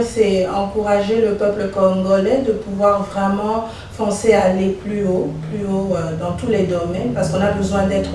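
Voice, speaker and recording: A woman dentist born in Belgium, giving measured, soft-spoken answers in an interview. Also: medium pitch. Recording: echoey room, voice from far off, faint noise.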